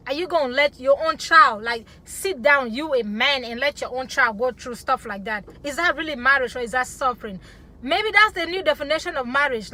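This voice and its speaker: Passionate high-voiced woman vlogger. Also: sharp tone. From Africa. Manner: passionate, emphatic, keeps adding "okay?". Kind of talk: opinionated talk to camera.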